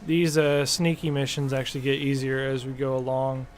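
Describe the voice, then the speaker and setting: A man's voice: mid-range voice, flat delivery, moderate pace, slight background noise. A man giving casual, rambling commentary while playing a video game, full of fillers and self-corrections. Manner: reads game dialogue aloud. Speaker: gaming channel host. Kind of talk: casual let's-play commentary.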